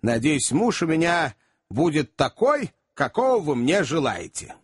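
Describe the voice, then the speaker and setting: A man doing a flustered, shrill young widow. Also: unhurried, slightly rough, dry recording, studio quality, full character voice. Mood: coy. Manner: excitable, shrill outbursts.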